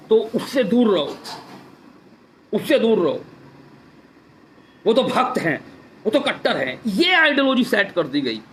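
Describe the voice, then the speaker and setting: Fervent male activist, high voice, live-stream address over a phone mic, faint hiss behind. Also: fairly bright tone. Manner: fervent, repetitive, rhetorical questions. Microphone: phone or webcam for a live stream.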